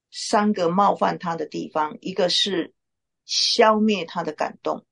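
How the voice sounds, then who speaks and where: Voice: medium pitch, gravelly, slightly rough. A Bible study leader giving an informal sermon, talking conversationally with frequent filler particles.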